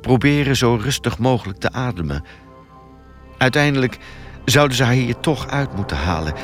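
A man narrating a thriller audiobook with an expressive, dramatic reading. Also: mid-range voice.

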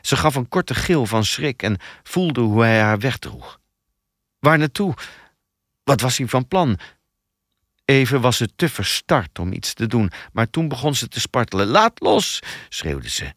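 A man narrating a thriller audiobook in an expressive storytelling manner. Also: mid-range voice, moderate pace, no room sound, clean studio sound.

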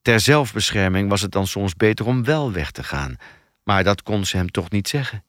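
Brief: male audiobook narrator, lowish voice, lively intonation, dry close sound. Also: normal speed, dry recording. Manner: expressive storytelling.

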